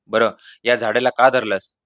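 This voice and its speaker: A man's voice: mid-range voice, little pitch movement, moderate pace, a bit bright, no room sound, clean studio sound, lightly acted. A man reading a storybook voices a cunning village exorcist who coaxes, bargains and then bosses the crowd. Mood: coaxing. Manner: coaxing, then bossy and showy. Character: boastful middle-aged village exorcist, cunning and brash.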